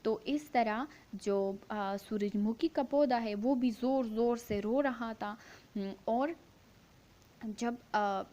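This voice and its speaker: A woman teaching young schoolchildren, reading a story aloud slowly line by line, repeating each line and then explaining it with questions she answers herself. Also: fairly high pitch, warm tone, dull audio. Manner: slow, syllable-by-syllable reading, repeating each line for pupils to follow; asks the class questions and answers them herself.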